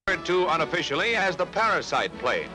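A man narrating a 1940s newsreel in a brisk, dramatic announcer style, heard as an old newsreel recording. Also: on the high side, sing-song, poor audio. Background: loud music.

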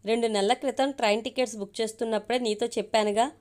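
A woman's voice: on the high side, fairly even intonation, fast talker, darkish tone, natural voice. A woman voicing a young man who questions his friend in surprise and exasperation, in a storybook reading. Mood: exasperated.

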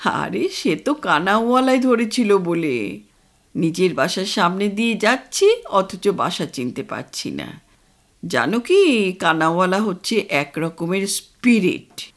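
A woman doing an old retired father in an audio storybook, teasing and food-loving. He grumbles in a slow, stubborn way with a lively, swinging pitch. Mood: irritated. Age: over 60.

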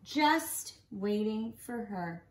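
A woman in her forties who teaches nursery school reads bedtime stories from a picture book at medium pitch. She stretches key words and keeps the telling lively for young children, recorded with a roomy sound in her small living room.

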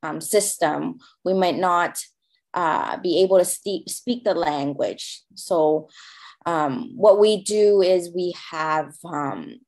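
Her voice is on the low side and a little mellow as this interview guest from Hong Kong speaks English, her second language, with a Cantonese accent. Her speech halts with many fillers and restarts.

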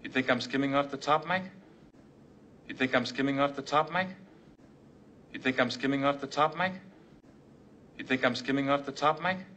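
An actor playing a suspicious man who confronts a partner in film dialogue, with low-key accusing questions. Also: a little slow, long pauses, sharp tone. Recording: dull film clip with faint ambience.

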